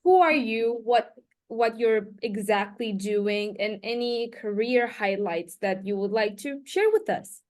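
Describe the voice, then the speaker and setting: A woman's voice: fairly high pitch, measured pace, a little mellow. A woman asking questions as an interviewer in a conversational style.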